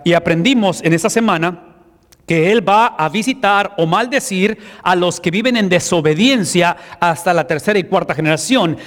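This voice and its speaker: A man with a notably high voice delivers a sermon, pressing his points with rhetorical questions to the congregation. His voice rings with a long reverb from a large church hall. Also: fairly bright tone. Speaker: pastor.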